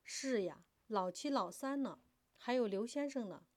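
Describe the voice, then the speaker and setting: A woman voicing a stern, commanding old male clan elder who speaks slowly and weightily. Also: medium pitch, dark tone, natural voice.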